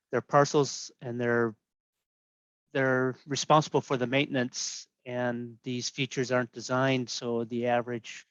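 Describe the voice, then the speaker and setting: A man's voice: mid-range voice, clear, resonant tone, dry recording. Man on a glitchy, dropping-out video call. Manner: halting, many fillers and restarts. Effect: glitchy, dropping-out video call audio. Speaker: plan reviewer on a training panel. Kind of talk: unscripted panel answer. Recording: dull, lo-fi call audio.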